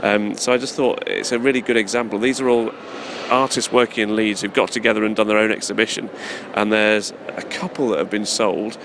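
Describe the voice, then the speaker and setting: A man's voice: on the low side, steady tone, a little fast. A man with a British accent giving a casual, enthusiastic, rambling interview as an event organiser. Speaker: festival organiser, interview guest. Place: busy public exhibition space in city centre. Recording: noisy public space, urban background din. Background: people and urban ambience.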